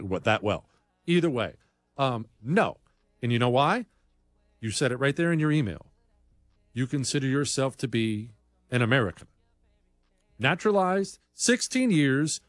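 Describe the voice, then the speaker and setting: A man's voice: medium pitch, dry recording, studio quality. A man hosting a talk show, delivering a blunt, combative monologue full of rambling asides. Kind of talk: opinionated radio-style monologue.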